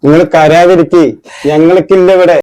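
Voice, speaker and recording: An actor playing a neighbour who gently soothes a crying man, repeating his reassurances. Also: a little high, flat delivery, normal speed, close to an everyday voice, low-quality recording. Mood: soothing. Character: consoling male neighbour. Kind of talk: amateur short film acting. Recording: crowd noise nearby.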